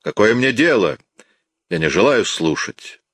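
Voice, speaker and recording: A man reading an audiobook and voicing a harsh, domineering police inspector who shouts orders with contempt. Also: lowish voice, big pitch swings, unhurried, no echo, exaggerated voice. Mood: barking.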